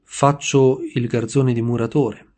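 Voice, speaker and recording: A man's voice: mid-range voice, flat delivery, unhurried, darkish tone, natural voice. A man voicing a shy, poor sixteen-year-old boy who gives short, timid answers.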